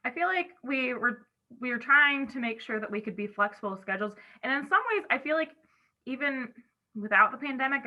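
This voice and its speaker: Bright-voiced woman on a dull call. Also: on the high side. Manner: chatty, many "I feel like" asides. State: talking around a cough drop. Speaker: chapter officer leading a meeting. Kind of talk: casual online meeting talk. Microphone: video call.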